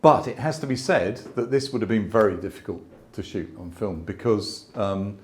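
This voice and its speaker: This man in his sixties, a landscape photographer, gives a thoughtful, conversational talk in an exhibition space before an audience. His voice is lowish and a little mellow, his pace moderate, with frequent restarts and asides.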